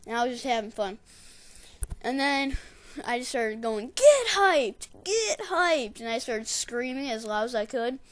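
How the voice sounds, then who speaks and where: Rambling, excitable high-voiced gamer. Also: female voice, moderate pace. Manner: rambling, digressive storyteller; excitable, shouts catchphrases when retelling. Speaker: gameplay commentator. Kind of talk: casual gameplay voice-over.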